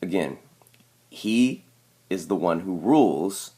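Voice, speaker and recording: A man with a very low voice talks through his theory over video clips. He drives each point home and keeps tagging on a questioning "okay?" as he goes. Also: animated, slow, warm tone, slightly rough. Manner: emphatic, repeats "okay?" to press points. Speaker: video commentator. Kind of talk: explanatory commentary over clips.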